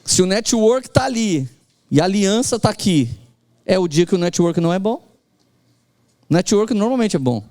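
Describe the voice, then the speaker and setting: A middle-aged man from Brazil, a pastor preaching a sermon with lively delivery, acting out quoted voices and calling on the congregation to repeat after him. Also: high-pitched, moderate pace, long pauses.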